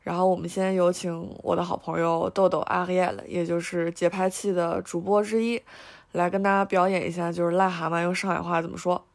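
A woman hosting a language podcast, explaining words in a chatty manner and slowly over-enunciating French words. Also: fairly low pitch, little pitch movement, gravelly. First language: Mandarin. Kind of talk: casual educational talk.

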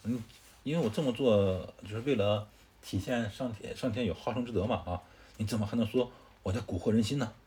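A man's voice: fairly low pitch, a little fast, dark tone, lightly acted. A man voicing an old wandering male Taoist healer, explaining himself patiently. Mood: calm.

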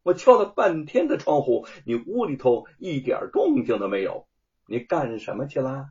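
Man doing a scheming elder wife, mocking, half-smiling, lively pitch, lo-fi sound. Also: a little slow. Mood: sly. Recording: dull lo-fi audio.

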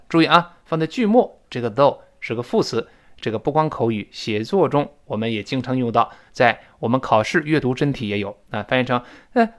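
A man teaching a spoken English lesson, explaining in Chinese, reading English example sentences and spelling words out letter by letter. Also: mid-range voice.

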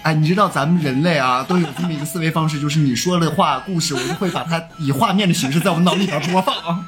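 A podcast co-host making wry, deadpan remarks during casual chat. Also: medium pitch, fast talker, music in the background.

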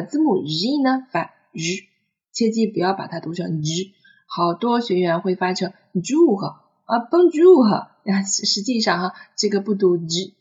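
Woman going slowly thru french pronunciation, repeats each sound, bit muffled audio. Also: lowish voice. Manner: patient, drawn-out demonstration of sounds. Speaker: French teacher. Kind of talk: picture-book language lesson. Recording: slightly muffled recording.

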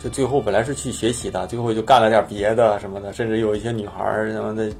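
A man's voice: on the low side, fairly even intonation, fast talker, darkish tone. A man hosting a casual chat, putting questions and remarks to his guest in an informal way. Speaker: host asking questions. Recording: prominent instrumental music behind. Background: instrumental music.

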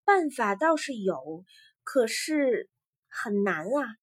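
A woman voicing a gentle, tearful young sea maiden in a told folktale, speaking softly and pleadingly. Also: fairly high pitch, big pitch swings, slow, husky, no echo, clean studio sound, full character voice. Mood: urgent.

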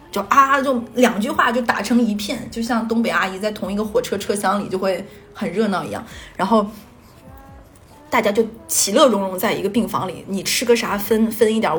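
A young woman from Northeast China, telling a personal story in a rambling way and stringing thoughts together with "and then". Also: mid-range voice. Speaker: podcast storyteller.

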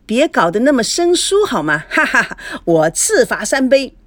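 A woman's voice: on the high side, sing-song, moderate pace, a bit bright, no echo, pitched above the performer's own voice. A woman playing a glib, flirty middle-aged man. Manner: wheedling and glib.

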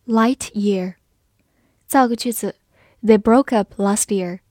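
Female teacher, mellow tone, dry close recording, clear patient delivery. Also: mid-range voice, no room sound. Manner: clear, patient, reads example words slowly. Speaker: English teacher. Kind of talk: vocabulary lesson narration.

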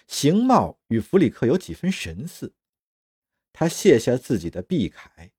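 A man narrating a science fiction audio drama in a dramatic, expressive reading. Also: medium pitch, slightly rough, no room sound, studio quality.

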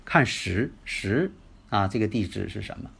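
A man's voice: fairly low pitch, lively intonation, a little slow, creaky, a bit bright, breathy edge. A man hosting a radio lecture in a chatty style, asking rhetorical questions and using many filler particles. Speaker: radio host and lecturer on the five elements.

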